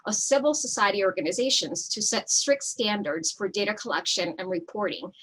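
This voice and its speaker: A woman's voice: mid-range voice, animated, a bit bright, slight background noise, poor audio. A woman from El Salvador, a nonprofit founder, reading a prepared opening statement in an online debate over a video call. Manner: measured, reading prepared remarks.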